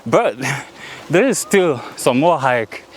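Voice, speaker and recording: A man's voice: fairly high pitch, big pitch swings, slow pace, slight background noise. A man vlogging outdoors while hiking in hilly countryside, out of breath, chatty and slangy, filming on a handheld phone. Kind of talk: casual vlog narration while hiking.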